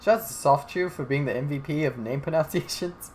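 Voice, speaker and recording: Joking young man, fairly high voice. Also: a little fast, a little mellow, slight background noise. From Alabama, US. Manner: joking, swears freely, rambling. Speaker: podcast co-host. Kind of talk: casual chat.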